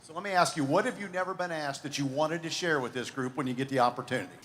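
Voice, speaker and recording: Quick chatty announcer guy, slightly high voice, firing off questions. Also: fairly bright tone, a little hiss or hum. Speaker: ring announcer interviewing a buyer. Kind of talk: live event interview. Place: fairground show ring.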